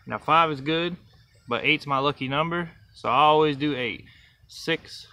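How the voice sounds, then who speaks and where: A man's voice: on the high side, measured pace, bright, forceful tone. A young man, casually demonstrating a fishing knot outdoors, counting the steps aloud. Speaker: fishing channel host. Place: outdoors by trees and a truck. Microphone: camera close up, held near face.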